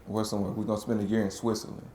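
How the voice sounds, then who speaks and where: A young man in casual chat, animated and laughing easily. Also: lowish voice, racing, a little hiss or hum. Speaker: author, guest. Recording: roomy echo.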